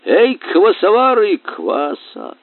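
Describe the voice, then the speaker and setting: A man's voice: lowish voice, huge pitch swings, takes it slowly, vocal fry, no echo, heavily acted. A man voicing a merry male shrew king, jolly and commanding, on a tinny, dry recording. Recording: tinny dry phone-like sound.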